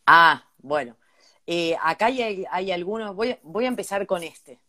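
Lively Argentine woman reading emails. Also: lowish voice, a little slow. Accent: Argentine Spanish. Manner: reads listener emails aloud with joking asides. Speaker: podcast co-host. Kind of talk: casual comedic chat.

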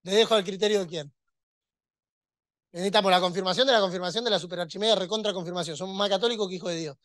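A man's voice: sits high, racing, a bit bright, dry recording, clean studio sound. A man preaching a sermon, emphatic and rhetorical, with touches of humor.

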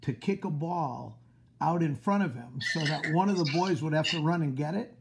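A man's voice: on the high side, moderate pace, gravelly, background noise. A man, a school coach, hosting an upbeat interview for schoolchildren over a video call, with many fillers.

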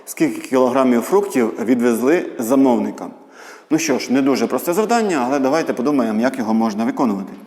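A man's voice: mid-range voice, lively intonation, fast, a little mellow. A man explains a math homework problem step by step, thinking aloud with fillers as he writes. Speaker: math tutor. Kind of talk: homework explanation while writing. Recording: echoey room with long reverb.

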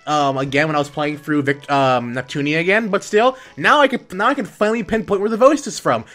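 A woman with a deep voice hosts a let's play, speaking fairly quickly in casual gameplay commentary with game music behind her. Chatty, she corrects herself as she goes and reads dialogue aloud.

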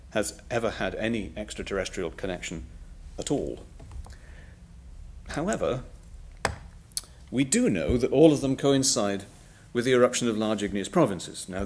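Middle-aged male lecturer, low register, measured public talk full of ums. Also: a little mellow. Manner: measured, with frequent ums and uhs.

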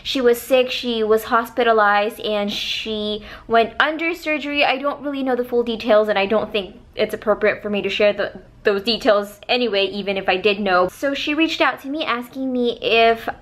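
A woman's voice: on the high side, normal speed. A young adult woman, chatting casually to a camera held at arm's length. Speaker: vlogger. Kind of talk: casual vlog chat.

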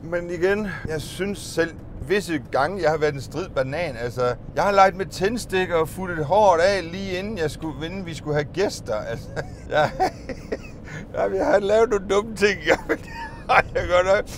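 Guy vlogging childhood stories, kinda high voice, laughs a lot and swears, restarts all the time, faint rumble behind. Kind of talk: casual storytelling of childhood memories.

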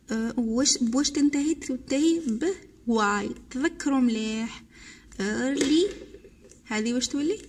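A woman with an Algerian Arabic accent, an English teacher explaining a grammar lesson. She switches between dialect Arabic and slow, drawn-out English example words. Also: on the high side, a little mellow, breathy edge.

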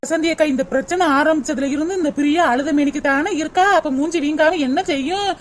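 A woman's voice: sits high, heavy background noise, lightly acted. A woman voicing a kind young village woman in a cartoon, consoling and sympathetic, with a southern Tamil accent. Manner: sympathetic, consoling, fast talker. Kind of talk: dubbed cartoon comedy.

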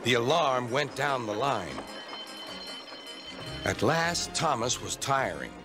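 A man's voice: medium pitch, slow pace. A man narrating a children's storybook in scripted style, acting out each character, with music behind. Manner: expressive, acts out every character. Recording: music playing under the voice.

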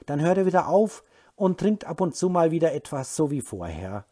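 A man voicing a worried young woman in an audiobook, raising his husky voice and pressing hard. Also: on the high side, sing-song, moderate pace, dark tone, voice pushed up. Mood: reassuring. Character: worried young woman defending her drinking partner. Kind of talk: audiobook character voice.

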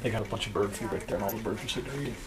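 A middle-aged man chatting casually, reassuring and gently teasing. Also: lowish voice, racing, very noisy. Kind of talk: casual chat. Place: small dental clinic room, indoors.

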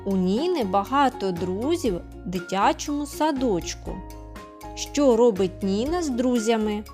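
Slow, patient kindergarten teacher woman. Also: on the high side, expressive, darkish tone, faint music behind. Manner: slow, patient, asks questions and answers them herself; sounds out words syllable by syllable. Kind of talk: distance-learning literacy lesson for preschoolers.

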